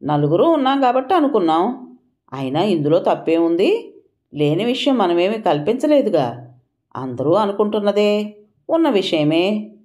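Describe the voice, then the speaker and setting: A woman's voice: mid-range voice, sing-song, moderate pace, long pauses, mellow, pitched above the performer's own voice, close to an everyday voice. A woman voicing a young woman who talks back defensively.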